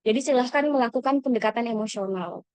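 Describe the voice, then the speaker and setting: A woman's voice: on the high side, fast, a little mellow, clear, resonant tone, dry recording. A woman mentoring scholarship applicants in an online lesson, speaking encouragingly to the audience with frequent fillers and self-corrections.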